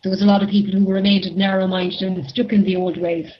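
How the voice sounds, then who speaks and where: A woman's voice: medium pitch, little pitch movement, quick pace, lo-fi sound. Woman on a breaking-up call line. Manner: earnest, meandering, with many restarts. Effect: call audio breaking up and dropping out. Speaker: interview guest. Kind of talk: casual conversation over a call.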